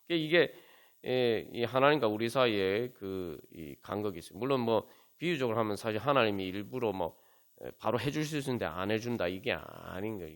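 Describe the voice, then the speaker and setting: A man's voice: medium pitch, gravelly. A man pastor preaching at a Friday prayer meeting in church, asking many rhetorical questions and using frequent fillers.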